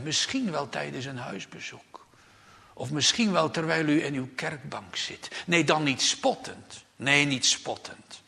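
A man preaching a solemn, urgent sermon in a church, swinging between hushed near-whispers and loud emphatic outbursts and repeating his key phrases. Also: on the high side, gravelly. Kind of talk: sermon from the pulpit. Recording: long church reverb.

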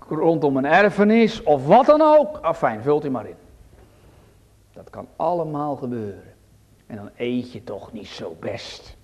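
A man preaching a sermon in a church, swinging between loud appeals and hushed asides. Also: fairly high pitch.

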